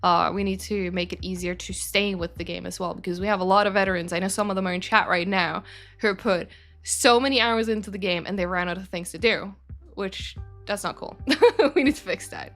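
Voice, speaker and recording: A young Swedish woman speaks in a mid-range, slightly bright voice at a fairly quick clip over soft background music. Working as a game studio's community manager, she reads viewer questions on a casual livestream and answers loosely, with many fillers and self-corrections.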